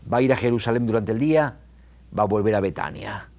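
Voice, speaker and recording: Brief: male pastor, lively sermon delivery, swings in pitch and pace. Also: quick pace. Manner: animated, retells scenes with quoted voices, restarts.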